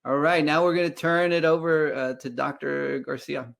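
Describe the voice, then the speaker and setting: A man's voice: fairly high pitch, little pitch movement, normal speed, gravelly, a bit bright. A man moderating a webinar panel, thanking speakers and handing over the floor.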